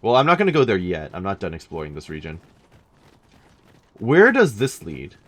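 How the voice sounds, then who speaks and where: A man's voice: sits low, wildly swooping pitch, normal speed. A man commentating casually as he plays a game, thinking aloud in a dry way. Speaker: gaming let's-player.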